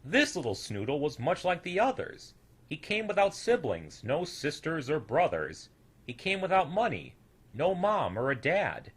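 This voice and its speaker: A young adult man reads a rhyming children's story with a theatrical, expressive flair and a sing-song rhythm. His voice is on the high side, husky, and unhurried.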